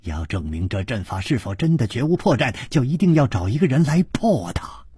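A man doing a suave, soft-spoken young nobleman. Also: mid-range voice, big pitch swings, brisk, slightly rough, no room sound, studio quality. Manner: soft, sighing, suavely polite.

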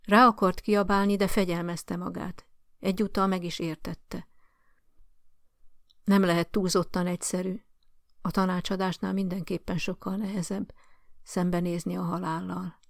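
A woman reading short stories aloud as an audiobook narrator, in a calm and measured storytelling manner. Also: lowish voice, creaky, no echo, clean studio sound. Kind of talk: scripted narration.

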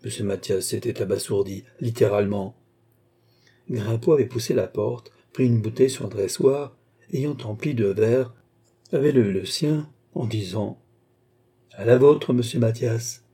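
A male reader narrates a dark tale in a measured, even delivery. His voice is very dark and husky. It is a scripted audiobook reading. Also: lowish voice.

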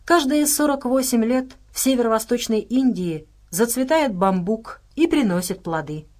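A woman's voice: on the high side, expressive, moderate pace, a little mellow, voice pushed up, lightly acted. A woman reading an audiobook, voicing a worried female scientist who explains things patiently. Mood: grave.

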